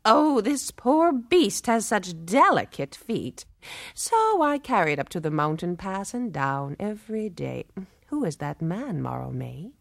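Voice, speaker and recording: A woman voicing a strong but gentle mother who dotes on her cow. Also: medium pitch, big pitch swings, a little slow, creaky, no room sound, clean studio sound. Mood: doting.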